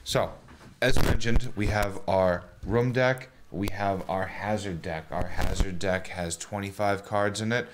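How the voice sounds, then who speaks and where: Low-voiced man explaining game rules. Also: fairly even intonation, unhurried, roomy sound, background noise. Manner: walks through rules step by step, thinking aloud. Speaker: game designer explaining a board game. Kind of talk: casual explanation.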